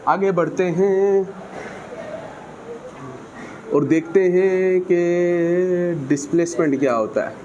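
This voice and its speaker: A man's voice: sits high, slow pace, pauses often, darkish tone, highs cut off, a little hiss or hum. A man teaching a physics lesson, who keeps asking his students questions and answering them himself. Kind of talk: classroom lecture.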